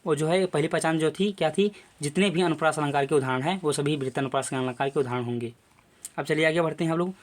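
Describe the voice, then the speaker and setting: A man's voice: fairly high pitch, fast talker. A young adult male teacher giving a classroom lecture video, explaining step by step with lots of repetition and filler phrases.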